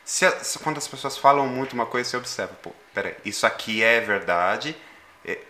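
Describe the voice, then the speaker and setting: Reflective Brazilian man, bright voice. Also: mid-range voice, expressive, fairly quick, reverberant. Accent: Brazilian Portuguese. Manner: reflective, hesitant restarts. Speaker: podcast host. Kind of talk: casual chat.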